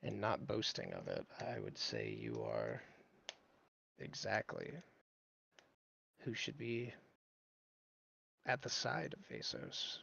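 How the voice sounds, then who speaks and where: A man's voice: fairly low pitch, huge pitch swings, takes it slowly, creaky, pauses often, pushed and bright, slightly rough, muffled recording, full character voice. [name], a man playing a courteous gnome. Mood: earnest, admiring. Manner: formal, earnest. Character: curious courteous male gnome adventurer.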